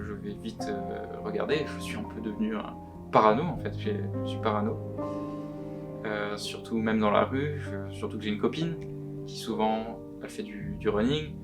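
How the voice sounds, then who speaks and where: A young man giving anonymous testimony, his voice disguised by being pitch shifted deeper, speaking earnestly and haltingly. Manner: earnest, halting, often repeats words. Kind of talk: recorded testimony, answering questions. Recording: guitar music underneath. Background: plucked guitar music.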